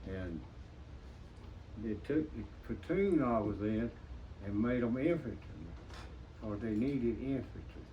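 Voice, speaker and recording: An elderly American man, a veteran remembering his service in an interview in a plain-spoken, halting, folksy way. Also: medium pitch, animated. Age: 90s. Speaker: WWII veteran being interviewed. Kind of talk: interview reminiscence. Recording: dull lo-fi sound with faint noise, distant mic.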